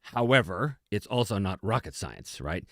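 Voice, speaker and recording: In a clean studio recording without echo, a man with a fairly low, sing-song voice at a moderate pace hosts a casual tabletop gaming talk. A host, game designer and game master, he answers questions emphatically and conversationally, often at his own expense.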